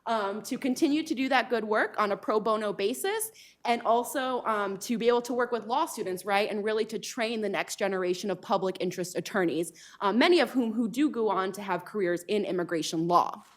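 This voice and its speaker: A woman's voice: mid-range voice, brisk. A woman law professor introducing herself at a panel event, speaking earnestly with frequent ums. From United States. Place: lecture hall event.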